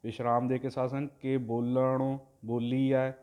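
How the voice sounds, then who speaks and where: A man of middling pitch teaches careful recitation, drawing each verse out slowly and loudly before explaining it. His voice stays fairly level throughout, with little rise and fall. Between verses he speaks softer and quicker, spelling out the vowel marks one by one. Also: little pitch movement. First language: Punjabi. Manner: chants verses slowly and loudly, then explains pronunciation quietly. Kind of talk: line-by-line recitation lesson.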